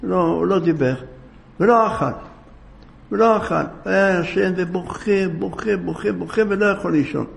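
A man's voice: sits high, creaky. A man telling a religious tale with dramatic, repetitive phrasing. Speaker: storyteller. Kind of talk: religious storytelling.

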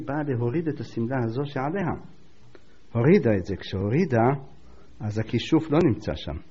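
A man telling a religious folk tale aloud, with lively repetition and quick quoted asides for the characters. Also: mid-range voice, slightly rough. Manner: animated, voices the characters in quick asides, repeats words for rhythm. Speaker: storyteller. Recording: dull lo-fi recording.

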